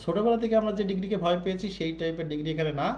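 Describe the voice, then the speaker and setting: A man's voice: high voice, rapid-fire, a little mellow. A man teaching an exam-prep grammar lesson, explaining patiently, repeating key points and asking questions he answers himself.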